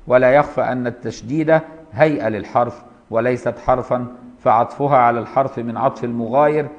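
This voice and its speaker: Egyptian male teacher, mid-pitched, lectures on a classical text, dull lo-fi recording. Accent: Egyptian Arabic. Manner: reads classical text, then explains in colloquial dialect, voicing pronunciations slowly. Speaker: Islamic jurisprudence teacher. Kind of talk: lecture reading and explaining a text.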